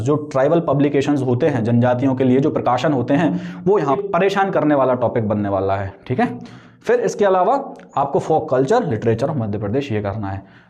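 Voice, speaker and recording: A young man walks viewers through exam preparation in a relaxed, conversational lesson. His voice sits a little higher than most men's, and he keeps checking in with short tag questions as he goes. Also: highs cut off. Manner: conversational, frequent tag questions, mixes English terms into Hindi. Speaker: exam coaching vlogger. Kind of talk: casual explanatory exam advice.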